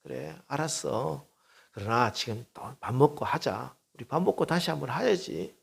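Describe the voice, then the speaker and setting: A man voicing God as a gentle, fatherly figure who softly coaxes a despairing prophet to get up and eat. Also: mid-range voice, animated, moderate pace, gravelly, slightly rough, full character voice. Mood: gently coaxing. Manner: soft, soothing, coaxing.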